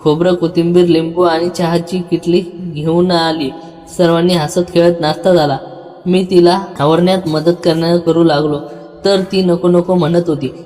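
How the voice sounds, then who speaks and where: A man narrating a first-person story in a calm, even storytelling manner. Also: fairly high pitch, normal speed. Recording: long hall reverb with soft background music.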